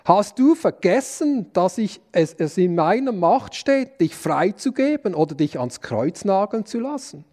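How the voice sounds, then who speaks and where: A stern Roman governor, read by a man in a sermon's Bible reading. The voice drops low and soft for the questions. Plain, unshowy reading. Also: big pitch swings, unhurried, few pauses, full character voice.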